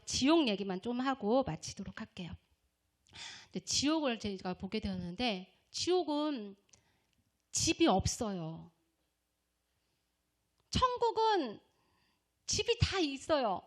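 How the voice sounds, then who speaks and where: A woman's voice: very animated, slow pace, pauses often. A woman missionary preaching a revival sermon, emphatic, asking the congregation questions and answering them herself. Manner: acts out shouting voices in a high pitch.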